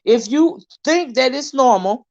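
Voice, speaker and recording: An animated woman with a high, slightly mellow voice, speaking a little slowly, hosts a live commentary stream. Blunt and emphatic, she circles her points repeatedly amid many fillers, heard through dull lo-fi audio.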